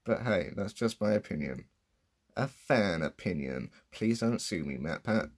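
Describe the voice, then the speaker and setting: Young man, off-the-cuff vlog rant, low husky voice, sarcastic and sweary. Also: animated, unhurried. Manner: sarcastic, self-mocking, profane. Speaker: vlogger. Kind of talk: casual unscripted commentary.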